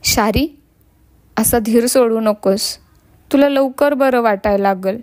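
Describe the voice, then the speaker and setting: A woman doing a gentle, caring village boy. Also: on the high side, takes it slowly, no echo. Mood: consoling. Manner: soft, consoling.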